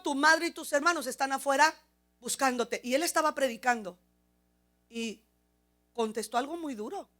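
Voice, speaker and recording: A middle-aged woman pastor with a Mexican accent, preaching a sermon with animated, humorous storytelling that rises toward near shouts. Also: sits high.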